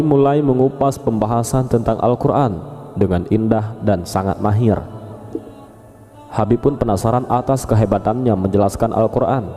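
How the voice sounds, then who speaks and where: A man narrating a religious story in a calm, steady storytelling manner. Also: medium pitch. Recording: long reverb over faint background music. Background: faint music.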